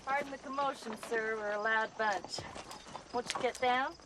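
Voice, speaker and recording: An actress playing a brisk, practical frontier farm mother who scolds her daughters. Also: on the high side, natural voice. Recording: film soundtrack with farm noise.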